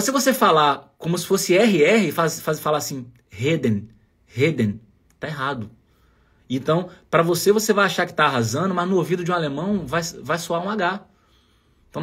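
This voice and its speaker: A man's voice: a little high, slightly rough. A Brazilian man from Bahia with a Bahian accent, teaching German pronunciation in a chatty online lesson and modeling sounds aloud. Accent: Bahian Brazilian Portuguese.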